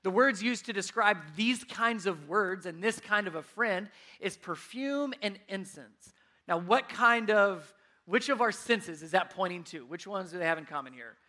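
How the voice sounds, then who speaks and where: A man in his thirties preaching a sermon, telling stories with animated swings in his voice. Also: high-pitched, moderate pace. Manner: animated storytelling, voice rising when worked up. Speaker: pastor.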